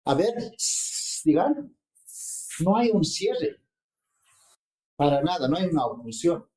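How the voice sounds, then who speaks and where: A university lecturer teaches a phonetics seminar, moving through the material step by step. The speaker keeps pausing to check in with the students. The voice carries the echo of a classroom. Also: medium pitch, very animated, mellow. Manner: explains slowly, checks in with the class often. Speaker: linguistics lecturer.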